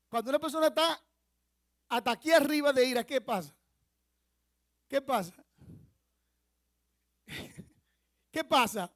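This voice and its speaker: Here a male pastor from the Dominican Republic delivers a sermon with a very high-pitched voice, explaining a word and teaching through rhetorical questions aimed at the congregation. The setting is a church sanctuary, though the studio-quality audio carries no room sound.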